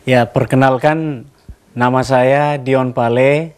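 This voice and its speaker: A man's voice: medium pitch, fairly even intonation, slow, smooth. A man from eastern Indonesia, a student group leader, introducing himself briefly and formally.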